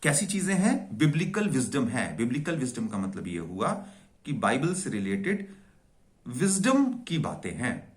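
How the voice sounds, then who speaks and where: Male lecturer, measured delivery, animated pitch, spells and repeats terms for students. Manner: explains slowly, spells out words and repeats terms. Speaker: English teacher. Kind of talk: bilingual lecture.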